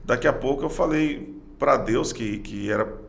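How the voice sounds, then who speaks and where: Appearing on a podcast, a middle-aged police sergeant from Brazil shares a personal story in casual talk. His gravelly voice is mid-range with a Brazilian Portuguese accent, and he speaks haltingly, repeating words and starting phrases over.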